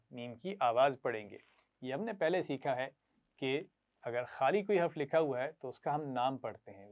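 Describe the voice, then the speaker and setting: A man teaching children Quran reading, patiently sounding out syllables for them to repeat and praising them often. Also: medium pitch. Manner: patient, repeats syllables slowly for pupils to echo; frequent praise. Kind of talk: classroom lesson to children. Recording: tinny phone-like sound.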